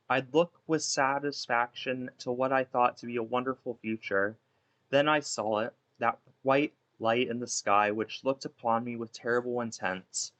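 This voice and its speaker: A man playing a guilt-ridden, imprisoned female ex-baseball pitcher in a wistful, theatrical dramatic monologue that rambles and interrupts itself. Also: fairly bright tone, lightly acted. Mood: haunted, dread.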